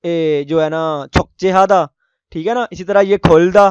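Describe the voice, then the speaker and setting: A man with a high, smooth voice teaches a language lesson. He sounds out foreign words slowly and repeats them, and he keeps checking in with his listeners. The recording is dry and close. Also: steady tone, no echo, muffled recording. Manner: frequent checking-in tag phrases. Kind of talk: explaining a lesson.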